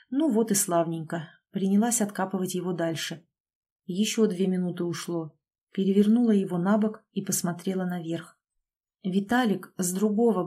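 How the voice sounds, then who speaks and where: A woman reads a first-person audiobook with a dark, mellow tone. Her telling is brisk and wry, and she slips into the characters' lines as she goes. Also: mid-range voice, slightly rough. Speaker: audiobook narrator.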